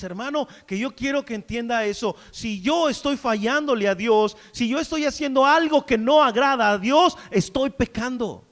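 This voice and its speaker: A man preaching a sermon, shifting between loud, pleading prayer and quiet, hushed storytelling. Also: sits high, big-room sound. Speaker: pastor.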